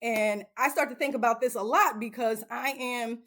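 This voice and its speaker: A woman's voice: on the high side, fairly even intonation, moderate pace, a bit bright. Earnest woman in her late thirties. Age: 30s. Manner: earnest, emphatic, repeats phrases for stress. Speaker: self-help channel host. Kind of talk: casual motivational talk to camera.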